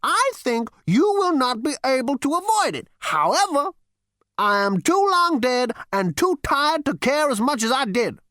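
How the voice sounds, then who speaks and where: In an audiobook, a woman performs a full character voice for a stern, weary old male ghost who rasps as he lectures and gives commands, pitching it above her own voice. It's high, very animated, a bit bright, and measured in pace, recorded dry with clean studio sound.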